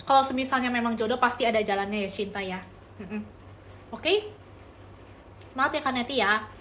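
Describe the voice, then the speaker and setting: A woman's voice: on the high side, a little fast, a bit bright, a little hiss or hum. A young woman hosting a casual livestream, answering viewer chat with relationship advice and calling viewers pet names. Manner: affectionate, calls viewers pet names, mixes in English phrases.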